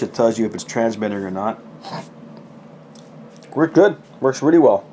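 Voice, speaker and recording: Speaking in a mid-range, somewhat mellow voice, a middle-aged man rambles through a folksy, casual demo of his gadgets with self-deprecating humor. He's a hobbyist presenter, and a little hiss or hum runs under the recording.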